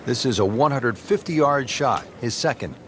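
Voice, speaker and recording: A man doing golf commentary, calling shots in measured descriptive lines and putting questions to his partner. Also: mid-range voice, expressive, slight background noise, close to an everyday voice. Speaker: golf commentator, play-by-play host.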